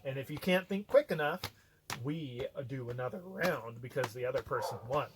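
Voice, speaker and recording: A man music teacher explaining a steady-beat game to a class in a lively way. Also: medium pitch, normal speed, background noise. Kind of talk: classroom instruction.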